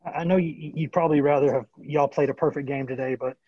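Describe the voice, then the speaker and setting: A man's voice: fairly high pitch, fairly even intonation, quick pace, breathy edge, dry recording, dull audio. A male sports reporter asking long, rambling questions at a press conference over a video call.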